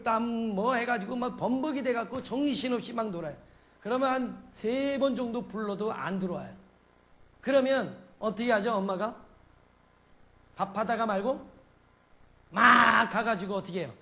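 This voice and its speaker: High-voiced preacher asking rhetorical questions. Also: male voice, animated, normal speed, sharp tone. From South Korea. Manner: storytelling with many rhetorical questions to the congregation. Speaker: pastor. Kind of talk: sermon.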